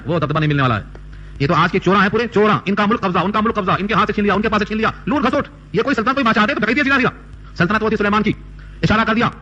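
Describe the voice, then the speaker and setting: High bright-voiced man explaining scripture. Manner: recites Arabic verses then explains line by line; asks questions and answers them himself. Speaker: Quran teacher. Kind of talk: Quran commentary lecture. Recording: dull lo-fi recording.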